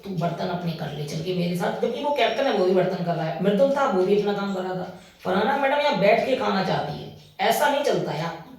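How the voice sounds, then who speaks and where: A man's voice: sits high, darkish tone. A man hosting a reaction channel, recapping a reality show in casual chat, opinionated and scolding, often saying "anyway". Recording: very echoey room, voice far from mic.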